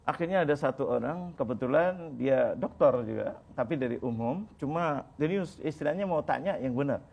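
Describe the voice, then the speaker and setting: A male preacher delivers a sermon to a studio congregation, pitched a little high and animated as he throws questions out to the crowd. The audio is dull and lo-fi, like an old television broadcast. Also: moderate pace, gravelly, slightly rough. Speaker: Islamic preacher. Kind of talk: sermon with storytelling.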